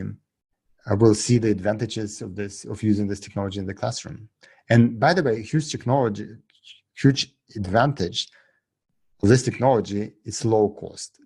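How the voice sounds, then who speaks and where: A middle-aged man born in Russia and raised in Israel, a guest talking casually in halting English full of restarts. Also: fairly low pitch, vocal fry, dark tone, husky. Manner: halting non-native English with many restarts. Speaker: podcast guest, app co-founder. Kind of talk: casual interview talk.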